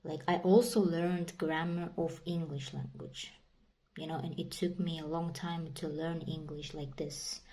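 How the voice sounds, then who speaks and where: A young woman vlogger, a native Kazakh speaker with a Kazakh accent, rambles casually to camera, repeating herself and leaning on fillers like "like" and "you know." Her voice sits low, unhurried and steady, with a warm tone, over slight background noise.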